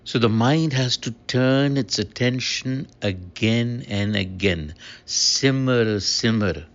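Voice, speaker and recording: A man teaching and explaining a scripture passage in a measured, slow way, repeating key words for emphasis. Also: mid-range voice, gravelly, lo-fi sound.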